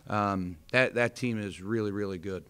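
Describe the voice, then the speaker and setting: At a postgame press conference in an indoor press room before a sponsor backdrop, an American head basketball coach in his thirties speaks candidly into a table microphone, with many fillers and restarts. His voice is on the low side, bright, forceful, and clean, at normal speed.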